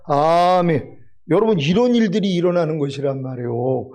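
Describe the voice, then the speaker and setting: High-pitched guy preaching, keeps asking rhetorical questions, leads the bible reading back and forth. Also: normal speed, a little mellow. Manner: emphatic, rhetorical questions, repeats for stress. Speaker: pastor. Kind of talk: sermon with responsive scripture reading.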